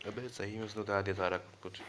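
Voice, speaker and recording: A low-pitched man talks through a live game, repeating his calls over and over with urgency. His voice stays flat and even. A faint hiss of noise sits under the recording. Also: fast talker. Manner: urgent, repetitive pleading and calling out. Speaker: gamer streamer. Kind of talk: live gameplay chatter.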